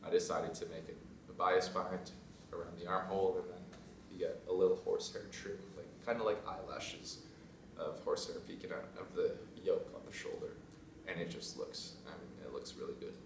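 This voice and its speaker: A young man, a fashion design student, chatting casually in a vlog, rambling and trailing off into quiet asides. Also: low voice, normal speed, gravelly, few pauses, recorded from a distance, noisy background. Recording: roomy sound from off mic, faint ambience.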